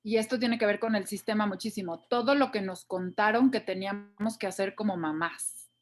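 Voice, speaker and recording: A woman's voice: mid-range voice, a little fast. A Mexican woman, a mother, sharing candidly and colloquially in an online group session over a video call. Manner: candid, colloquial, occasionally swearing. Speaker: workshop participant.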